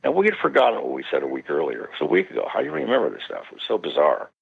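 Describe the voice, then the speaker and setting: Speaking very fast in a gravelly voice with a breathy edge, an older male parapsychologist tells an animated story as a radio interview guest. He performs the voices of the people in it and swoops high when excited, and the audio is dull and lo-fi.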